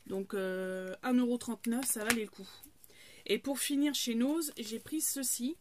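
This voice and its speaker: Woman in her 30s, casual haul vlogger, slightly high voice, rambling and friendly. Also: a little slow, noisy background. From France. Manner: chatty, many fillers and restarts.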